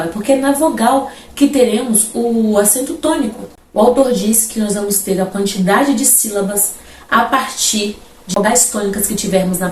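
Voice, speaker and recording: A woman teacher, explaining a grammar lesson and repeating example words slowly. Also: medium pitch. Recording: roomy, from a distance, faint background noise.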